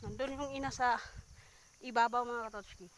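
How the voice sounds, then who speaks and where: A woman's voice: fairly high pitch, steady tone, normal speed, a little hiss or hum. A woman casually vlogging outdoors in the countryside, chatting straight to her viewers and out of breath from walking. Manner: chatty, addressing viewers directly. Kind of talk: casual outdoor vlog narration. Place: rural outdoors.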